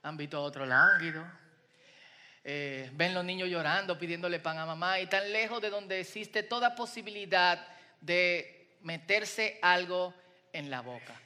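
Bright, high-voiced male preacher. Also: a little slow, in a large hall. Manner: conversational, asks the congregation questions. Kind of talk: sermon.

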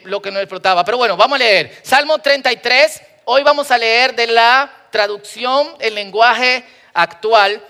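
A man with a very high, bright voice preaches with jokes and exclamations. He reads scripture to a live congregation. His voice rings out with a long reverb through the church sanctuary. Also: clear, resonant tone. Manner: lively, joking, exclamatory preaching. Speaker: pastor. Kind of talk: sermon with scripture reading.

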